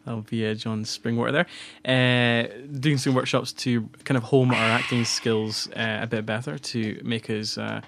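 A man's voice: mid-range voice, flat delivery, moderate pace, creaky, few pauses, background noise. A Glaswegian man co-hosting a casual podcast chat, making dry, matter-of-fact remarks. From Scotland. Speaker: podcast co-host.

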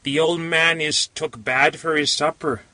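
A man voicing a gloomy backwoods host who speaks slowly and somberly, in a raised, drawling voice. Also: a little high, fairly even intonation, pushed and bright, pitched above the performer's own voice. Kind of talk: storybook reading.

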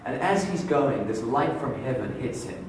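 A man preaching a sermon, telling a Bible story in a lively storytelling way and voicing the inner thoughts of its people. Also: mid-range voice, normal speed, heavy reverb, far from the mic, a little hiss or hum, low-quality recording.

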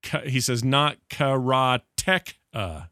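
Male podcast host, mid-pitched, dry close mic, jokey email reader. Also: expressive, fast talker, fairly bright tone, no echo. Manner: jokey, reads emails aloud with a lifted voice. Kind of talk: casual podcast chat, reading listener emails.

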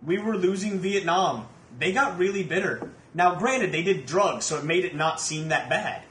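A man's voice: high-pitched, normal speed, a bit bright, a little hiss or hum. A young man in casual group chat, blunt and profane, often laughing as he talks. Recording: echoey room.

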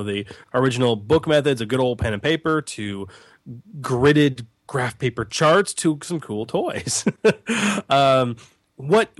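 A man co-hosting a casual tabletop gaming chat, telling stories in an animated way with lots of fillers and chuckles. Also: mid-range voice, dry recording. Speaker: podcast co-host.

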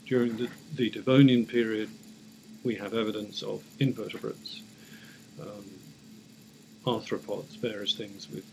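A man speaking as an academic expert in an interview, explaining off the cuff in measured, hesitant short phrases. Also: lowish voice, level tone, vocal fry, background noise. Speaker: academic paleontologist, interview guest.

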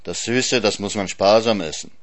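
A man's voice: on the low side, moderate pace, close to an everyday voice. A man voicing a sly, teasing male hare in a storybook reading, coaxing and crafty.

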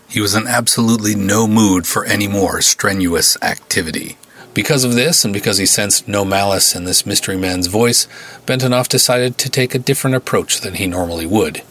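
A man reading his own adventure story aloud in a steady, dramatic narration. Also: lowish voice, slightly rough.

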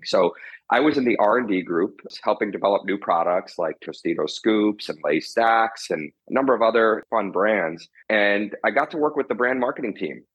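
A low-pitched, husky man speaks as an interview guest, explaining business matters. The sound is dull and lo-fi. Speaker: interview guest, marketing executive.

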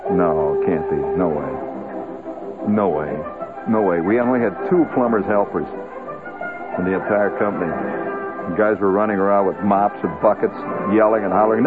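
A man on the radio telling a rambling comic army story with wry asides. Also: lowish voice. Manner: wry, rambling anecdotal delivery. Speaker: radio monologuist. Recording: tinny lo-fi 1970s radio broadcast.

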